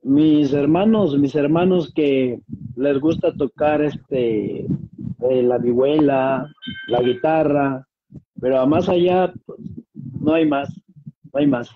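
Answering an interviewer over a webcam from a small room at home, a young man from Peru, there as a guest singer, speaks slowly and pauses often. His voice is fairly high, his accent Peruvian Spanish, and his manner polite and hesitant. The sound has a dull, dry video-call quality.

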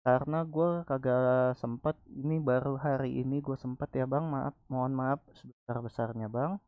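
A man with a casual Jakarta Indonesian accent talks through a screen-recorded tutorial, unable to roll his r's. His medium-pitched voice stays steady at a moderate pace, captured dry with no echo on a dull, lo-fi mic.

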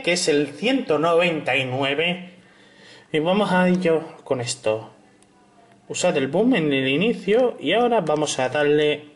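A man's voice: on the high side, fairly bright tone. A young man narrating a puzzle video game, playful and jokey, humming nonsense syllables between remarks. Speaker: gameplay narrator. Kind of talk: narrated let's play commentary.

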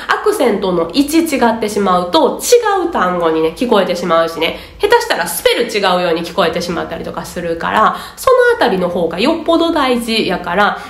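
In a roomy-sounding recording, a woman of medium pitch teaches Spanish in a casual, chatty way. She speaks with a Kansai Japanese accent, stresses her points emphatically and laughs a lot.

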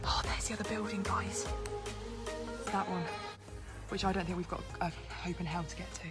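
A woman vlogging as she explores, chatty and easily excited, out of breath from climbing and laughing often. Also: mid-range voice, moderate pace, over loud music. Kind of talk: casual vlog narration while exploring.

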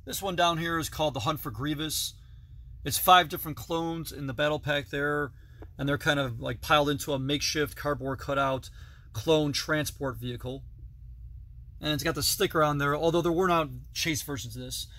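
Indoors in a basement full of toys, a man in his thirties gives a chatty, detailed tour of his toy collection, filming on a phone held at arm's length. His voice is a little high and sharp, with a steady tone and moderate pace.

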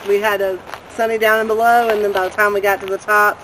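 A woman's voice: medium pitch, flat delivery, quick pace, heavy background noise. A woman in her thirties, a mother, chatting casually and chiming in about hiking outdoors by a river, recorded on a camera a few steps away. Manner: chatty, agreeable, chimes in. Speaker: vlogger, mother. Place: outdoors by a river in a mountain valley.

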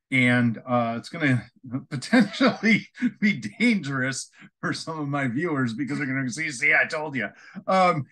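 A middle-aged man talks straight to camera in a loose, friendly way. His voice sits a little high and swings up and down a lot as he acts out both sides of a conversation. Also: a bit bright. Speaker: email management trainer. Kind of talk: casual talking-head video.

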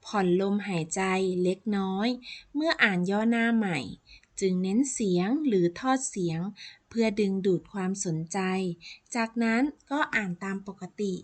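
A woman teacher reading a lesson for children in a slow, careful way. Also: medium pitch.

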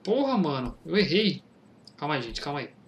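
Speaking in Brazilian Portuguese at a moderate pace, a young YouTuber with a slightly high voice plays a game and comments casually, reading its lines and shouting when fights break out. The sound is lo-fi, with game and train noise underneath.

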